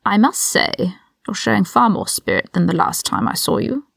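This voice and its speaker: A woman's voice: medium pitch, lively intonation, normal speed, creaky, fairly bright tone, slightly rough, dry recording, studio quality, heavily acted. Lucius Malfoy, a hissing whispered role-play by a woman. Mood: sneering. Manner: condescending, cutting. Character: cold aristocratic older male prisoner, sneering.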